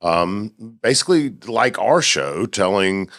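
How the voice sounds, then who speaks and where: A man hosting a podcast, stepping in to explain things for listeners in a relaxed way. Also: on the low side, measured pace, no room sound, studio quality. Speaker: podcast host. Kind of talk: casual interview chat.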